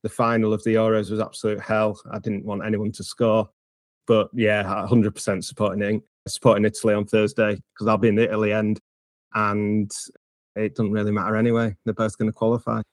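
Man, late 30s, English, podcast co-host; low, monotone, rambling delivery. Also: fairly quick, dry recording. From England. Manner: rambling, many filler phrases. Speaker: podcast co-host, football fan. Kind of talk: casual football podcast chat.

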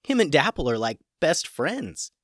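An earnest young deckhand explains himself a touch defensively, as a man reading a storybook voices him. His speech rises and falls in a lively way, close and dry. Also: a little high, unhurried, breathy edge, no echo, voice pushed up, full character voice.

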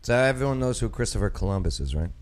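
A man's voice: lowish voice, expressive, fast. A man with a New York accent hosting casual talk radio, rambling with lots of fillers and restarts. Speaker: radio show host.

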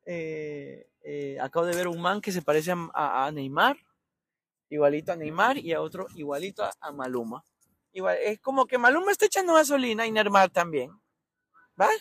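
Sitting in his car in a queue, a Honduran man in his thirties hosts a podcast, anxiously rambling as he thinks out loud. He speaks at a moderate pace in a slightly high, bright, expressive voice.

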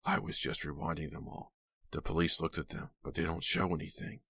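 This is a man voicing a sleepy young security guard, puzzled and low-key, in an audiobook. He speaks quietly and offhand in a deep, dry voice. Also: level tone, a little fast, no room sound, full character voice. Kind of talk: audiobook character voice.

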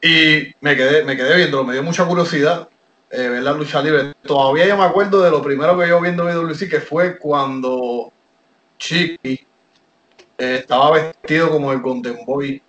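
A man from Puerto Rico with a Puerto Rican Spanish accent, telling his wrestling story as a podcast guest. He talks in an animated way, with many fillers and restarts. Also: on the high side, moderate pace, roomy sound. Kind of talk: casual interview storytelling.

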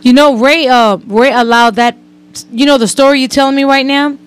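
A woman's voice: high voice, fairly even intonation, moderate pace, clear, resonant tone. A woman hosting a radio interview, chatty and hedging as she tells a story. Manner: chatty, repeats hedging words. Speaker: radio host. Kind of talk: casual interview.

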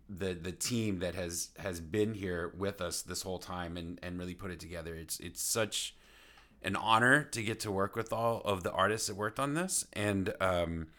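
A man's voice: low-pitched, sharp tone. A man co-hosting a podcast conversation, talking earnestly and thoughtfully with frequent fillers. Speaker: podcast co-host and playwright. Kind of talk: casual video-call conversation.

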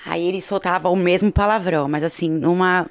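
A woman's voice: on the low side, fairly even intonation, brisk. A Brazilian woman, a comedian, chatting casually and retelling stories alongside her partner. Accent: Brazilian Portuguese. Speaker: guest comedian. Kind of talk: casual podcast chat.

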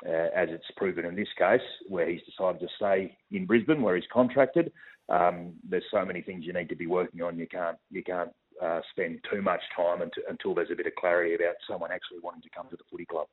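An Australian man, a football club executive, answering radio interview questions over the phone in a measured way with many fillers and restarts. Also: low voice, steady tone, husky. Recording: tinny phone line.

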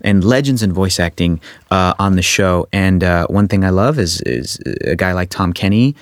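A man hosting a podcast, asking questions with eager, affirming reactions and quick laughs. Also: low voice, animated, no echo, studio quality. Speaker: podcast host. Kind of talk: casual interview chat. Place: recording studio.

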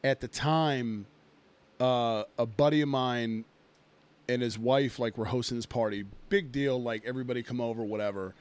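This podcast co-host, a man in his thirties, speaks at medium pitch and a moderate pace. The chat is casual as he wanders, swears, and fills gaps throughout a long story about drinking.

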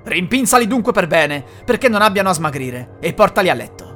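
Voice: medium pitch, sing-song, brisk, soft background music. A narrator growling as a cruel, menacing ogre. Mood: gloating. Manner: loud, growling threats. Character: cruel hungry male ogre, gruff and menacing.

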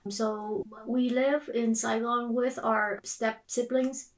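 A middle-aged woman who grew up in Vietnam tells her childhood story in a halting, casual way. Her voice sits on the higher side and sounds set back from the microphone. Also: fairly even intonation, recorded from a distance, low-quality recording. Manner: halting, with many fillers and restarts. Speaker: guest. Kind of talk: casual family interview.

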